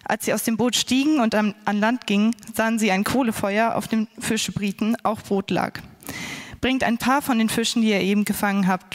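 A woman, a church intern, reading a scripture passage aloud in a steady, plain way. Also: mid-range voice. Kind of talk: Bible reading.

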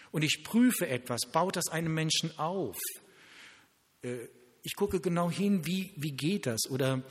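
A male pastor preaching a sermon, telling lively stories and acting out quoted dialogue. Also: medium pitch, breathy edge, long reverb tail.

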